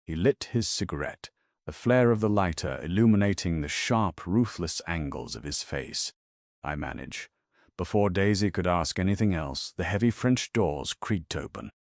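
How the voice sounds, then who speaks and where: A man narrating a romance story in a measured, dramatic way. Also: low-pitched, expressive, dry recording, studio quality.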